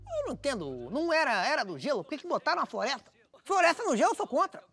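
A man's voice: extremely high pitch, wildly swooping pitch, fast, bright, forceful tone, soft background music, heavily acted. An actor playing a pompous, self-assured Brazilian driver who is also a father, and who takes offense easily. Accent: Brazilian Portuguese. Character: self-important male driver, a father, Renan.

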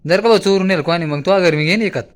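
Loud, teasing young man vlogging. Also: sits high, racing. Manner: loud, teasing, talks straight to viewers. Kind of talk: casual family vlog.

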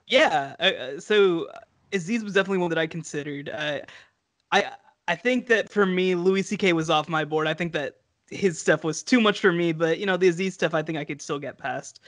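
A man's voice: on the high side, brisk, fairly bright tone, no echo. A young man in casual podcast chat, talking eagerly in long run-on thoughts over a headset on a video call from home. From United States. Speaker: podcast co-host. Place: home room. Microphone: headset mic on video call.

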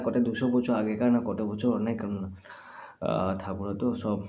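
A man from West Bengal talking in a rambling, chatty vlog, his voice hoarse and strained. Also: medium pitch, mellow. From West Bengal, India. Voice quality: husky, strained voice. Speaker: vlogger. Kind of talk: casual vlog chat.

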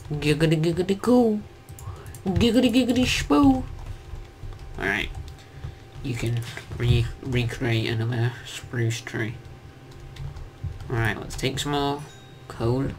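A man's voice: mid-range voice, takes it slowly, long pauses. A young man giving casual, jokey commentary on his own gameplay, chatting to himself and his viewers. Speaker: gaming commentator. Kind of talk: casual let's-play commentary.

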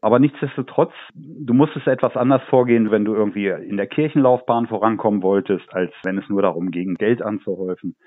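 A man's voice: lowish voice, a little fast, hardly any pauses, no room sound. A man, a game developer being interviewed, telling stories about his work with light laughs now and then. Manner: talkative, recounts anecdotes with light laughs. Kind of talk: interview answers, relaxed storytelling. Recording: dull phone-like line.

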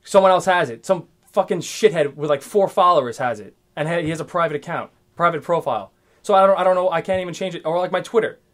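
A man's voice: on the high side, fast, a bit bright. Profane, rambling young man ranting solo. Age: 20s. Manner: profane, rambling, restarts a lot. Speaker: podcast host. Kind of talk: casual solo rant.

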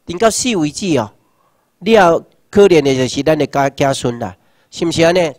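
A Taiwanese man in his sixties gives a rousing political lecture. He asks rhetorical questions and shouts slogans. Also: a little high, lively intonation, a little fast, no echo, clean studio sound. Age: 60s. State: numb hands and feet. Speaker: seminar lecturer.

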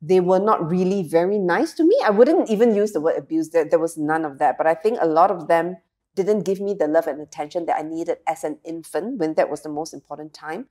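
Fairly quick and a little mellow, her lowish voice belongs to a Singaporean guest in her forties. In a candid studio conversation on a set with sofas, this emotional resilience speaker tells her story through a lapel mic, reflective and earnest, often using fillers and starting over.

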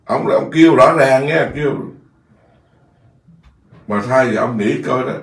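A man's voice: medium pitch, a little slow. A man with a Southern Vietnamese accent, a Buddhist monk telling a rambling story in an informal dharma talk, often repeating words. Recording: echoey room, distant mic.

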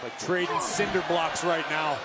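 A man's voice: fairly high pitch, moderate pace. A man doing live colour commentary on wrestling, speaking in a dramatic, emphatic way full of hyperbole. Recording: loud crowd and arena noise.

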